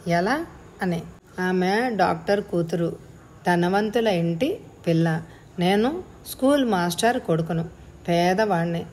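A woman narrating a first-person story as an audiobook reader, in a measured, reflective way. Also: lowish voice, lively intonation, darkish tone, a little hiss or hum.

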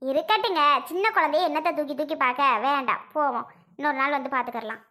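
A woman's voice: high-pitched, fast, bright, forceful tone. A woman voicing an impatient sister-in-law in a cartoon, curt and dismissive. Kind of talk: cartoon voice acting.

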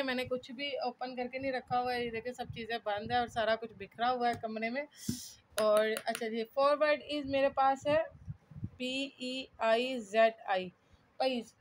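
Talking through her own study notes at home, a woman explains while writing characters in a chatty, casual lesson, frequently checking in with listeners and thinking out loud. Her high-pitched voice shows little pitch movement and moves at a normal speed, and the room around her is cluttered.

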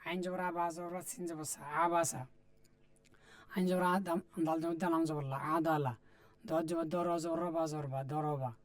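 A man's voice: a little high, fairly even intonation, normal speed. A man teaching Quran reading, patiently spelling out Arabic letters and vowel marks, with a Bangladeshi Bengali accent. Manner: patient, repetitive, addresses viewers directly. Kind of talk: spelling drill lesson, letter by letter.

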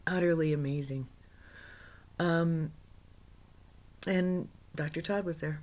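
A woman recounting a meditation experience unscripted, halting with frequent restarts and often sinking into a soft whisper, laughing now and then. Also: low voice. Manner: laughs often, excitable in places. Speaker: spiritual author recounting a meditation.

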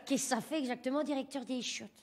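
With a high voice and a fast delivery over a noisy background, a woman comedian performs a stand-up monologue as a brash, foul-mouthed working-class mother. The character boasts and rambles, swearing often and filling her speech with fillers.

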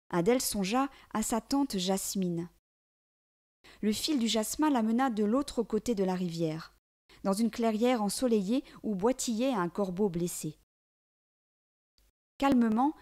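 A woman reading a children's storybook aloud in a gentle, measured, expressive way. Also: mid-range voice.

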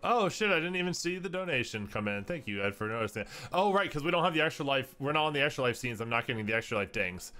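Man, livestream co-host, headset mic audio, bright tone, casual gaming chat. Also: mid-range voice, big pitch swings, fast, hardly any pauses. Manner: chatty, laughs easily, thanks donors.

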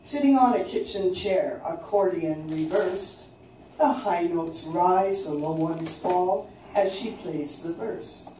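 An older woman from coastal British Columbia, Canada, recites her own poems slowly and with measure at an open mic in a small, dim indoor venue. Her voice is fairly low and mellow. Picked up by a far camera, the recording is very echoey and distant, with faint noise.

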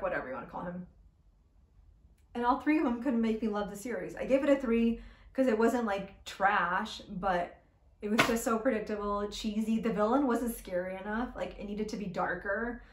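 Blunt, opinionated woman reviewing books. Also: medium pitch. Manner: blunt, opinionated, swears casually. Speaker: book reviewer. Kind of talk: casual monthly book review. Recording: roomy echoey room.

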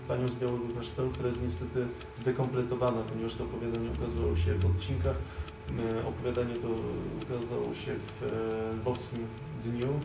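Halting young man, gravelly and far-off. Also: medium pitch. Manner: halting, many fillers and repeated words. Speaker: panelist, editor of a story collection. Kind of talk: panel discussion. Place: dim reading room at a live event. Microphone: far camera. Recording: echoey room, far from camera, noisy.

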